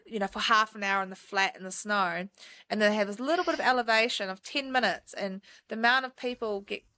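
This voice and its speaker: A New Zealand mountain guide in her thirties chats as a guest on a podcast, in a casual interview. Her mid-range voice is bright and fairly quick, and the recording is dry. She's enthusiastic and chatty, with plenty of fillers.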